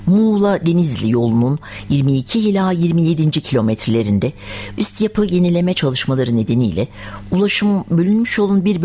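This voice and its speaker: An announcer reading scripted news and road bulletins in a formal, measured manner. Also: medium pitch, darkish tone.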